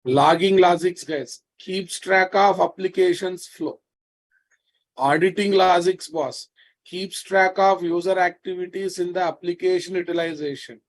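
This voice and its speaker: A high-pitched man speaks at a measured pace and steady tone, teaching a live programming class in a Telugu Indian accent. He tends to repeat himself and checks in on students with familiar, prodding questions that edge into scolding.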